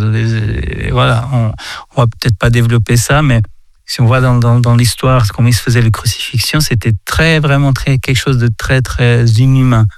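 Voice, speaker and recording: A man from Portugal giving a reflective faith talk, halting often and repeating words as he searches for them. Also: mid-range voice, no echo. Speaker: speaker sharing a reflection.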